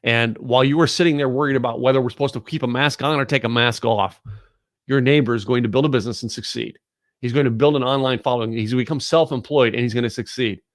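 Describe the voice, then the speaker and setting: Speaking quickly at medium pitch with fairly even intonation, a male podcast host lectures straight into the camera in a blunt, forceful, preachy manner, often repeating "ladies and gentlemen." The sound is studio quality without echo.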